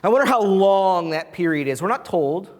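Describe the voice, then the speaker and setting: A preacher giving a sermon in a church, animated and full of rhetorical questions put to the congregation. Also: medium pitch, normal speed, in a large hall. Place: church sanctuary.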